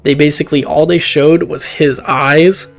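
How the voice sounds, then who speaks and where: A man casually recapping a horror film, rambling and excitable, with laughs and swearing. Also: a little high, normal speed, vocal fry, soft background music.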